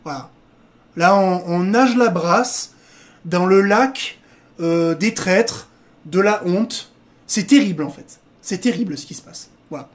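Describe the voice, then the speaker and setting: A man's voice: high voice, slow. Guy doing react commentary, crude jokes, rambles and laughs a lot. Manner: crude joking, laughs often; digressive, drifts between jokes and serious remarks. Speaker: reaction video host.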